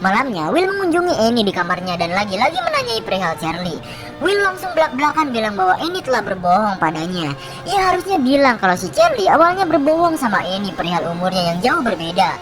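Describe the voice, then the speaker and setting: Female recap narrator, high and animated, casual slangy delivery over clear background music. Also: brisk. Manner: chatty, slangy storytelling.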